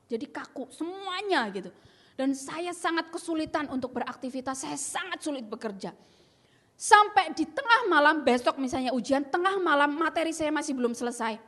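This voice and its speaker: A woman's voice: high-pitched, lively intonation, moderate pace, fairly bright tone. A young adult woman giving an earnest testimony sermon, telling her story emphatically and acting out the dialogue. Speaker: speaker sharing a testimony. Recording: long reverb in a large hall.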